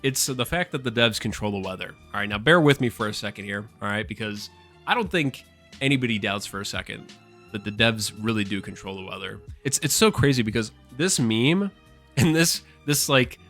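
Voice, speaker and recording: A man giving casual, excitable commentary on a game, swearing often and calling his viewers "guys.". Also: lowish voice, brisk, soft background music. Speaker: gaming YouTuber.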